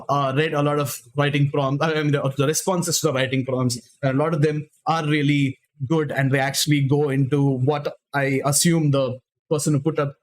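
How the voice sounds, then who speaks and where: A young man, host of a live writing stream, chatting loosely with many fillers and reading stories aloud. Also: a little high. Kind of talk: casual live-stream chat and story reading.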